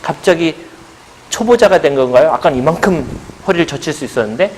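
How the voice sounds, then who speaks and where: A man's voice: fairly high pitch, lively intonation, fairly quick, darkish tone, a little hiss or hum. A middle-aged male pilates instructor giving a seminar lecture, asking the audience questions and answering them himself, with playful buzzer noises. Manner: playful buzzer sound effects. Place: seminar room.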